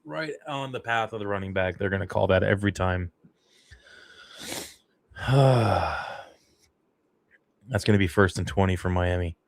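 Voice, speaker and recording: A man runs a fan livestream of a football game, delivering excitable, emotional play-by-play in a casual way. His low, gravelly voice rushes along with hardly any pauses, and the audio has no echo.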